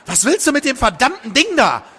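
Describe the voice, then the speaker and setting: A man voicing a panicked, angry young woman who shrieks and scolds in a high, loud voice. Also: expressive, moderate pace, creaky, full character voice. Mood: shrill.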